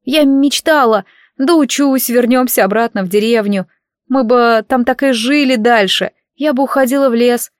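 A woman performs the part of a teenage village girl, sobbing and pleading through constant tears. The studio sound is clean with no echo, and her natural voice sits on the high side, raised above her own pitch, at a normal pace.

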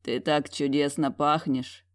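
A woman voicing a smug, teasing dragon general who speaks in a slow, low whisper. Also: fairly even intonation, no echo, clean studio sound. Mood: tender whisper.

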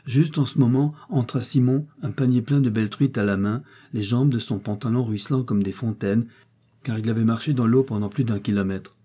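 A man narrating a novel in a measured storytelling delivery. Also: medium pitch, fairly even intonation, warm tone, slightly rough. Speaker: audiobook reader.

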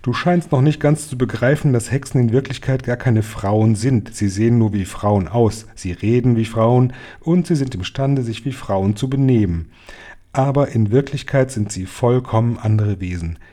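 A man's voice: mid-range voice, moderate pace, warm tone, close to an everyday voice. A man voicing a stern, knowing old grandmother who gives grave, matter-of-fact warnings in a storybook.

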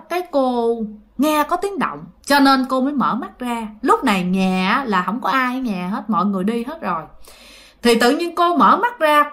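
A woman telling a ghost story to viewers in an animated, colloquial, repetitive way. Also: on the high side.

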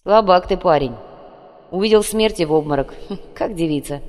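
A woman's voice: on the low side, normal speed, darkish tone, big-room sound, natural voice. A woman reading an audiobook, voicing a brutal, contemptuous man who sneers and snarls. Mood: mocking. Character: brutal mocking male digger, menacing and contemptuous. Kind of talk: audiobook character voice.

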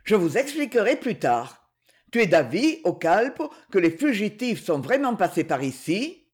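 A man's voice: high-pitched, big pitch swings, normal speed. A man reading a stern commanding chieftain. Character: commanding male leader of a camp, stern and resolute.

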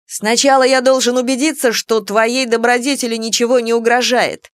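A woman's voice: little pitch movement, moderate pace, clear, resonant tone, no room sound, studio quality, natural voice. A woman voicing a proud, hot-headed young male dragon suitor with a pompous, theatrical manner. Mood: indignant. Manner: pompous, theatrical, shrill outbursts.

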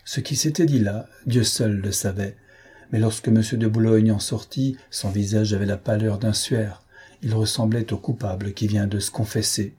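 A male audiobook narrator reads in a measured, dramatic style. His voice sits on the low side, dark and mellow. It has a strongly husky, raspy texture. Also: steady tone. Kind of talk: scripted narration.

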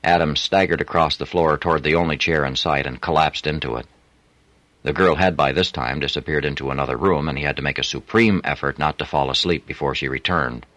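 Deep-voiced man reading a thriller. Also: a bit bright, dry recording. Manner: measured, suspenseful. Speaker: audiobook narrator. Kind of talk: scripted narration. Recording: dry close studio sound.

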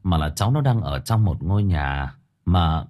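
A man voicing a polite young police officer who calmly placates the family. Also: deep voice, moderate pace, voice pushed down. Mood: placating.

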